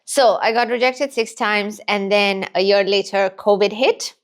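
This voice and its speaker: Laughing, lively woman from Pakistan. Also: mid-range voice, measured pace, a little hiss or hum. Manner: lively storyteller, laughs often. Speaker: podcast guest. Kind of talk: casual interview chat.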